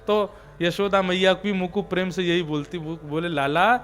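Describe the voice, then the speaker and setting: A man's voice: high voice, little pitch movement, normal speed, a bit bright, slight background noise. A male preacher voicing the divine Lord, fondly telling of his childhood in a homely village dialect. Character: divine Lord, playful and affectionate.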